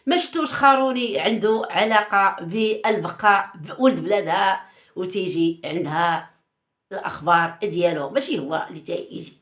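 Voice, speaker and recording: A woman's voice: medium pitch, moderate pace, a bit bright. Moroccan woman hosting insinuating gossip talk. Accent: Moroccan Arabic. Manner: insinuating, teasing rhetorical questions, repeats herself. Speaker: gossip channel host. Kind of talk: casual gossip commentary.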